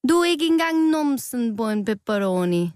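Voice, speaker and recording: A woman's voice: a little high, very animated, darkish tone, dry recording, studio quality, voice pushed up. A woman voicing a rude pepperoni slice that mocks with mock-Italian exclamations.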